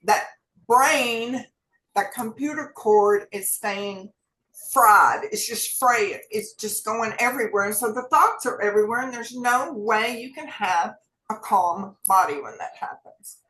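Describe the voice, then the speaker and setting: A woman's voice: fairly high pitch, unhurried, a bit bright. Chatty woman, echoey room. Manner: chatty and folksy, addressing viewers directly. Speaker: co-host sharing wellness tips. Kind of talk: casual chat.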